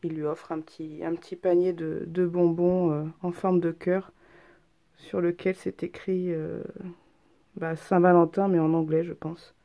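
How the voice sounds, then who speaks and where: This woman's voice is lowish and gravelly, with a level tone and a measured pace, captured in a muffled recording. A craft vlogger with a head cold, she sounds stuffy as she chats hesitantly through her handmade cards, saying um a lot in this casual craft show-and-tell.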